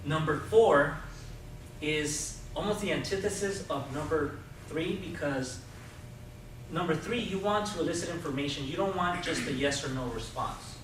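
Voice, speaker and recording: A man with a fairly high, fairly bright voice and a moderate pace makes a persuasive, informal sales presentation at a Toastmasters club meeting, talking directly to the gathered listeners. The audio comes from a distant mic in a very echoey room, with clear noise.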